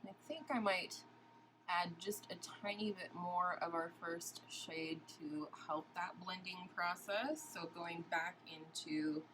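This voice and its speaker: A woman's voice: lowish voice, steady tone, slow pace, noisy background. A woman beauty vlogger chatting casually while doing a makeup tutorial and asking viewers questions.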